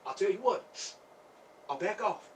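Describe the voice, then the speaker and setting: An actor playing a swaggering, jealous drifter who teases with mocking laughs, recorded from a distance in a stage drama. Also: male voice, high voice, expressive, a little slow, a little hiss or hum. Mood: coaxing. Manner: mocking, cocky drawl with laughs.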